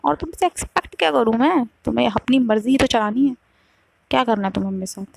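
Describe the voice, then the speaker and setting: A woman's voice: a little high, lively intonation, fast talker, creaky, background noise. A woman voicing a young woman who is tired and bitterly cold in a storytime love drama. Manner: curt, pleading then cutting.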